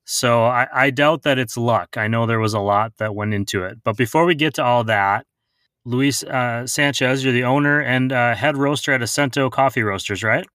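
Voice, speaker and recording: A man's voice: medium pitch, moderate pace, a bit bright, no echo. Upbeat male podcast host, dry sound. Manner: friendly, upbeat questioning. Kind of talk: podcast intro and interview.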